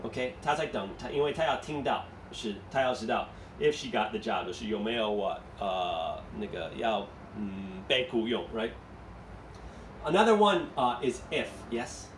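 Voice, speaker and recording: A man's voice: mid-range voice, lively intonation, moderate pace, a little hiss or hum. A man teaching an English class, explaining step by step and asking students questions, switching between English and Mandarin. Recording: echoey room, mic far off.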